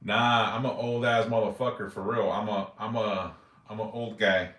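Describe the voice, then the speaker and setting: With a fairly low, steady voice that's a bit bright, this man talks at a moderate pace in a roomy-sounding space. He's a forties-aged livestream host who reads viewer yes-or-no questions aloud and answers briefly in loose, profane talk.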